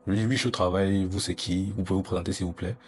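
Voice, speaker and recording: A man's voice: low voice, steady tone, rapid-fire. A young man, earnestly telling a personal story in an interview and acting out the dialogue. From Cameroon. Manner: earnest, recounting, acts out dialogue.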